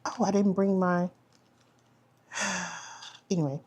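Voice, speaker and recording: A woman's voice: fairly low pitch, fairly even intonation, slow, a little mellow. A woman chatting casually as she unboxes a planner subscription box, trailing off and restarting, and saying "y'all". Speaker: planner vlogger.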